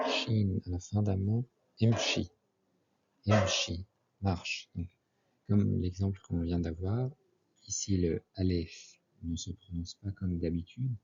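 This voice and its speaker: A husky, gravelly male voice that sits low and has a darkish tone guides listeners through Arabic. In this slow, methodical lesson, he spells out the letters and repeats each sample word twice before explaining it. The audio is dull and lo-fi.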